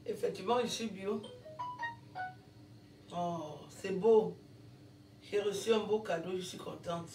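A woman's voice: medium pitch, takes it slowly, long pauses, warm tone, far from the mic, soft background music. A woman vlogging casually as she opens gifts, exclaiming often and thanking over and over. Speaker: vlogger and comedian. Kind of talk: casual unboxing vlog. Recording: roomy echo, voice away from the mic.

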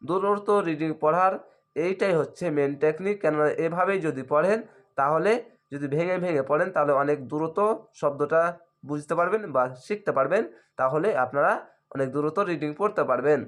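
A man with a somewhat high voice leads a recitation lesson. He chants each word in long, drawn-out syllables, then breaks off to explain the reading rules in brisk, plain speech. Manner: drawn-out chanting of words between quick explanations. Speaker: Quran reading teacher. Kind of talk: slow spelled-out recitation lesson.

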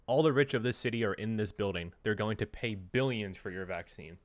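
A man's voice: lowish voice, fairly quick, no echo, lightly acted. A man voicing a greedy, scheming rich villain from a comic, bargaining smugly.

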